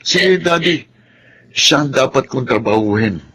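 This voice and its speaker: An actor playing a smug, scheming young villain in a Filipino radio drama, slightly husky. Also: male voice, medium pitch, expressive, a little slow, a bit bright. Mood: smug, plotting.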